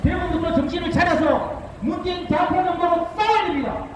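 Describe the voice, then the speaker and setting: A man with a Daegu Gyeongsang accent giving a fiery political rally speech outdoors, shouting slogans and firing rhetorical questions at the crowd. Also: very high-pitched, steady tone, brisk. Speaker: rally speaker. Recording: echoey outdoor street, long reverb, faint noise.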